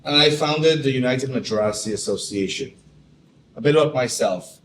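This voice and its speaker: A Trinidadian man gives a personal talk, telling his story with mounting animation. His voice sits at an ordinary pitch. It comes from some distance in an echoey room, with faint noise underneath. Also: moderate pace. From Trinidad and Tobago. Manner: storytelling, animated when recalling wonder.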